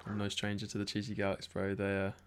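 A man's voice: on the low side, completely flat delivery, fast talker, slight background noise. A young man with a broad New Zealand accent hosting a casual interview in a matey, slangy way. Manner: matey, slangy, peppered with bro. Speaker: interview host. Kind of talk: casual chat.

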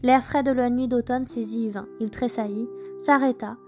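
A woman narrating traditional folk tales in a measured, gentle storytelling manner. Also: fairly high pitch, fairly even intonation, faint music behind. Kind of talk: scripted folk tale narration.

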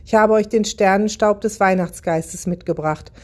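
A woman voicing a kindly, gentle Father Christmas in a storybook, speaking calmly and soothingly in her own mellow voice. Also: medium pitch, normal speed, lightly acted.

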